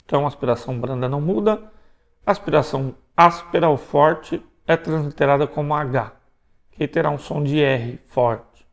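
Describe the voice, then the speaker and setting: Slightly high and gravelly, this Brazilian man's voice carries a recorded Greek pronunciation lesson that proceeds step by step, punctuated by quick tag questions.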